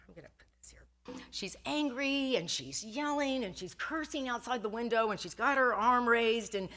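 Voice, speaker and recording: A woman's voice: fairly high pitch, moderate pace, a bit bright. An older woman giving a casual sermon at a Sunday church service, chatty and self-deprecating, laughing often and restarting her sentences. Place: church sanctuary.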